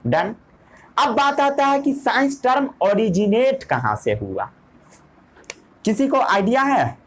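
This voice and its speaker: A woman's voice: on the high side, big pitch swings, slow, poor audio. A woman teaching a science class, asking questions and repeating the key words.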